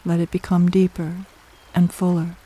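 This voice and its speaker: Meditation guide, mid-pitched and mellow. Soft, soothing scripted delivery, slow and measured with generous pauses. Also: monotone.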